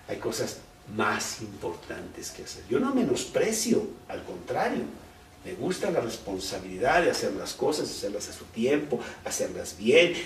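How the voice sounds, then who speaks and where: A man preaching a conversational, animated sermon, full of rhetorical questions. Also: mid-range voice, slight background noise. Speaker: pastor. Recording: roomy, distant mic.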